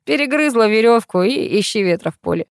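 A woman voicing a calm, sarcastic man who drawls his teasing remarks in a storybook. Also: fairly high pitch, brisk, no echo, studio quality, pitched above the performer's own voice. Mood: mocking. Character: calm mocking man, sly and unflappable.

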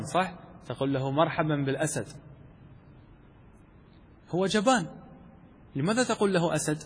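Sheikh lecturing in a reverberant hall. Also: male voice, a little high, husky. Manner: asks rhetorical questions and answers them himself; repeats key terms for emphasis. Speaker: sheikh teaching rhetoric. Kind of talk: classroom lecture on Arabic rhetoric.

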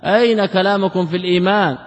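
Teaching sheikh in a reverberant hall. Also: male voice, sits high, fairly even intonation, fast. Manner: asks rhetorical questions and answers them himself; repeats key words for emphasis. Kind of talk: classical religious lesson commentary. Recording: dull lo-fi recording with long hall reverb.

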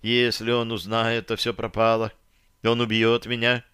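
A man's voice: mid-range voice, completely flat delivery, unhurried, a bit bright, clean tone, dry recording, clean studio sound, lightly acted. A man reading an audiobook voices a frightened young woman who turns angry.

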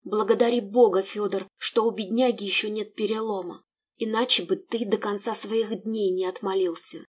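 Woman voicing a fussy emotional gentlewoman. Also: mid-range voice, normal speed, slightly rough, lightly acted. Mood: scolding. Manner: emotional, bossy toward servant. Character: fussy caring young gentlewoman, scolding then tearful.

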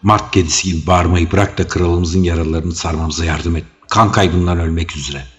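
A man voicing a gruff male commander of palace soldiers who gives blunt, barking orders. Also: rumbling low, moderate pace. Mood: scolding. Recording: dull audio with faint music.

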